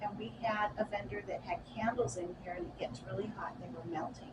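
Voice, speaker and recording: A woman working in the shop, telling in a casual, animated way how a ghost frightened her, laughing at herself. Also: mid-range voice, fast. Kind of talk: casual storytelling. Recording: distant mic with loud background noise.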